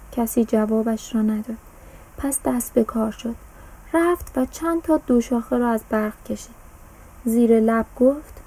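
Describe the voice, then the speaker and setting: A woman narrating a children's story in a clear, measured storytelling manner. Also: fairly high pitch, dark tone, low-quality recording.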